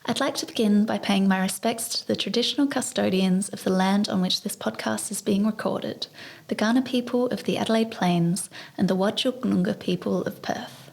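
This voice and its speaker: A woman hosting a podcast, reading a measured introduction and asking questions. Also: mid-range voice, gravelly. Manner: warm, measured, scripted introductions. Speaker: guest host. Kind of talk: podcast interview.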